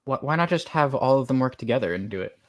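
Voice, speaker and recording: A man joins the book chat with short, hesitant comments that often start with a stammer. His voice is middle-pitched, and the sound is dry and close, with no room echo. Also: lively intonation, quick pace. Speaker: podcast co-host. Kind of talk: casual book discussion.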